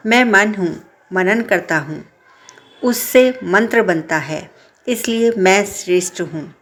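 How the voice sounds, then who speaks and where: A woman's voice: medium pitch, slow pace, natural voice. Woman voicing the boastful personified Mind. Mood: proud. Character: proud personified mind claiming superiority.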